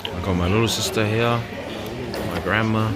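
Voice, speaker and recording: A man's voice: lowish voice, fairly even intonation, moderate pace. A man chatting casually to a camera in playful, slangy banter. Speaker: vlogger. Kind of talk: casual chat, vlog. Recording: loud crowd chatter behind voice. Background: busy crowd.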